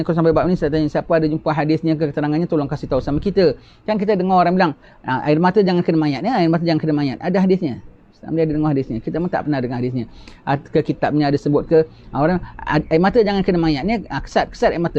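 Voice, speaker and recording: A religious teacher gives a lecture in a mellow voice of fairly high pitch. He takes his time explaining, returns to key phrases, and asks rhetorical questions, all captured in a dull, lo-fi recording.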